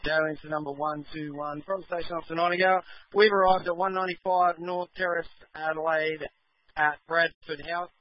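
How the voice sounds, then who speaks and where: Fire officer on a static-bursting two-way radio, flat clipped delivery, slightly raised pitch, dull lo-fi sound. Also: male voice, a little fast. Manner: clipped, formal call-and-report phrasing. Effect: two-way radio transmission with static bursts. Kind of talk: radio procedure talk.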